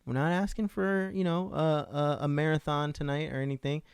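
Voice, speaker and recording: A man with a slightly higher voice hosts a gaming podcast in loose, joking chat and laughs a lot. The recording is dry and close. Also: fairly even intonation, a little fast, vocal fry, smooth, no room sound. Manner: laughs often, jokey and upbeat. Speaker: podcast host. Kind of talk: casual chat.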